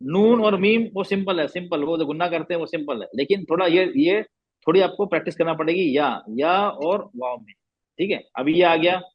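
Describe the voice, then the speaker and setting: A man's voice: fairly high pitch, normal speed, husky, no room sound, highs cut off. A man teaching recitation rules to a class, patiently repeating sounds and asking questions.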